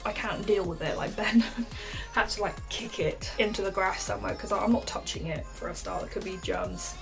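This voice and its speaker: A woman's voice: medium pitch, very animated, normal speed, over music. A young woman, telling a story to camera in a chatty way, saying "like" a lot and laughing often. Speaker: vlogger.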